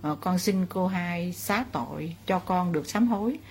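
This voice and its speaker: A woman speaking as the remorseful spirit of a married man, slow and pleading. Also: lowish voice, a little hiss or hum. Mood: contrite. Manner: slow, pleading, contrite confession.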